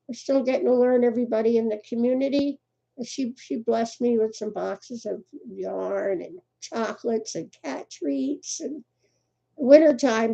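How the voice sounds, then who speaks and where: A woman's voice: fairly high pitch, creaky, dark tone. An older woman, hosting a casual crochet livestream, chatty and laughing often as she greets viewers by name. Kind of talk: casual live chat. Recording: muffled lo-fi livestream audio.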